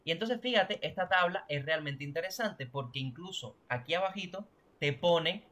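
A man's voice: a little high, animated, moderate pace, pushed and bright. A man teaching a language class online, explaining grammar and often checking that students follow. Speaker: Portuguese teacher.

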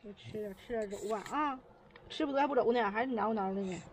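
A woman's voice: mid-range voice, fast. A woman with a Northeastern Chinese accent chatting casually outdoors in an earthy, blunt way. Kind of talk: casual chat. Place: outdoors at a house doorway. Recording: noticeable outdoor background noise.

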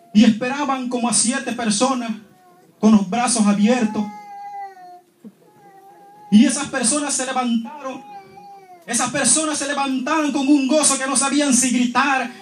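Churchgoer man with a very high voice, impassioned testimony, roomy hall echo. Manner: impassioned, keeps addressing the congregation as holy brothers. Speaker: church member giving testimony.

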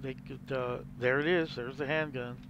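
A man's voice: medium pitch, steady tone, normal speed, lo-fi sound, background noise. A man hosting a gameplay video, explaining casually and rambling as he plays. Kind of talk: casual game commentary.

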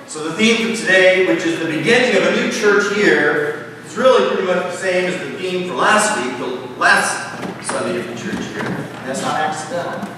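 A pastor in his thirties preaches from a pulpit in a large church sanctuary, his high, bright voice forceful and moving at a normal pace. He is conversational and emphatic, using rising lists and gestures. The pulpit mic is captured by a distant camera, so the sound is echoey and far off, with a little hiss or hum.

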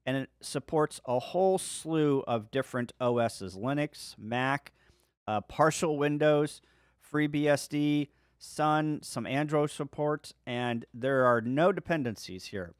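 Male tech hobbyist host, mid pitch, relaxed tutorial narration over a screen recording, dead-dry sound. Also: takes it slowly, clean tone, no room sound. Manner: relaxed step-by-step walkthrough. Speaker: ham radio video host. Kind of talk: screen-share software tutorial.

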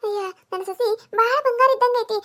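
For a cartoon comedy, a woman with a North Karnataka accent plays a village mother-in-law who grumbles, nags and mutters to herself. Her voice is very high-pitched, brisk and a bit bright.

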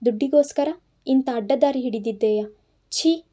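Woman reading an angry father in an audio story, stern, scolding, raised voice, mellow tone. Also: sits high, moderate pace, lightly acted. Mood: furious scolding. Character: stern angry village father, middle-aged man.

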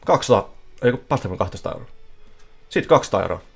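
A man streaming casino slot games live, giving excitable running commentary that bursts into yelling at big wins. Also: fairly low pitch, creaky, slightly rough. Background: faint music playing.

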